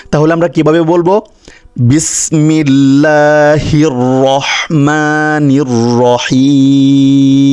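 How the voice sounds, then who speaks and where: A man teaching Quran pronunciation in a step-by-step lesson, who asks and answers his own questions and recites the examples slowly and melodically. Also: fairly high pitch, darkish tone. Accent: Bangladeshi Bengali.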